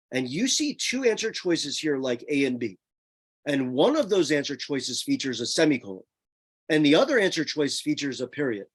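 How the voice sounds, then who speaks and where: A man's voice: on the high side, breathy edge. A man tutoring students through a screen-share lesson, emphatic and repeating his key points as he talks straight to them. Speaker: test prep tutor.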